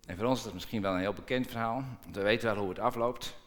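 A man's voice: on the low side, fast. A man preaching a sermon, acting out the quoted dialogue with dramatic shifts of tone. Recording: long reverb in a large hall.

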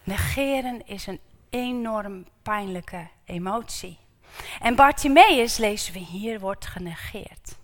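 Give me an animated woman preacher with a mid-range voice, asking rhetorical questions in a long reverberant church. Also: mid-range voice, slow. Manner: animated, rhetorical questions, repeats words for emphasis. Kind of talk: sermon.

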